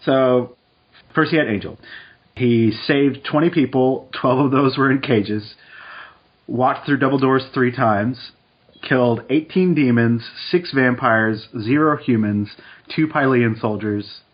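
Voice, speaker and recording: A man co-hosting a podcast in casual chat, relaxed and quick with asides. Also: medium pitch, lo-fi sound. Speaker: podcast co-host. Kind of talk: casual chat, reading statistics aloud.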